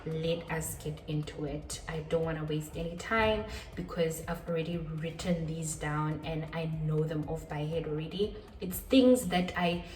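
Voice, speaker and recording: A young woman in her twenties hosts a casual talking-head vlog, chatting to viewers in a slightly low, darkish voice with quick laughs, self-deprecating remarks and repetitions for emphasis. She sits back from the mic, so the sound is distant, roomy and echoey, with a little hiss or hum.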